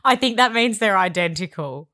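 A woman's voice: medium pitch, expressive, moderate pace, pushed and bright. A woman, co-hosting a casual chat and teasing her co-host with jokes. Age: late 20s. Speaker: podcast co-host.

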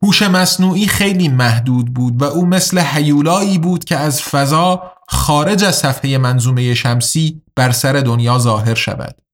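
Man narrating a sci-fi story. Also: medium pitch. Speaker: audiobook narrator.

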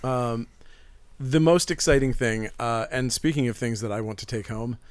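A man's voice: medium pitch, normal speed, clean tone, dry recording. A man co-hosting a casual podcast, talking eagerly and rambling about comics and toys, often laughing. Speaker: podcast co-host, comic shop worker. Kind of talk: casual chat.

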